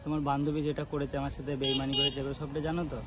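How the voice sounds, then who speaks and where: A prank vlogger fakes a serious phone call in a casual manner, pushing his points through repeated rhetorical questions. His mid-range voice keeps a level tone and comes rapid-fire. The audio is very noisy with loud background music.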